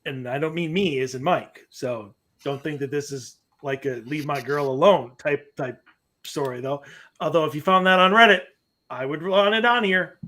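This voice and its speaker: On a webcam call from a room at home, a podcast co-host with a higher, bright and forceful voice chats casually and reads a listener's story aloud. He is playful and quick to laugh, sometimes slipping into a sing-song delivery.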